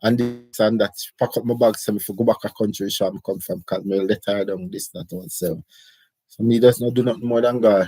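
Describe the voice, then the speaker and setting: A man's voice: on the low side, a little fast, vocal fry, mellow, breathy edge, dry recording, low-quality recording. A middle-aged Jamaican man telling his life story in casual, rambling patois. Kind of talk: casual autobiographical chat.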